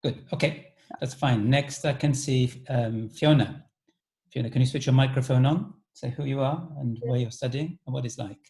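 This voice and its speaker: A man's voice: medium pitch, normal speed, a little mellow. A man hosting an alumni talk over a video call, casually inviting each former student to introduce themselves.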